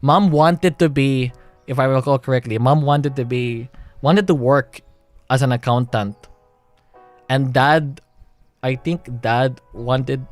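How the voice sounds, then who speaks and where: Slow and emotional, a young Filipino streamer talks to his audience in a rambling way, breaking into nervous laughs and starting sentences over. His Filipino-accented voice has an ordinary middle pitch, with faint music underneath.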